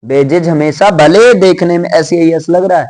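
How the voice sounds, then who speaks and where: A man teaching English grammar in a casual classroom manner, mixing Hindi with English, asking and answering his own questions, and reading the example sentences slowly. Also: on the high side, a little mellow. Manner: mixes Hindi with English terms.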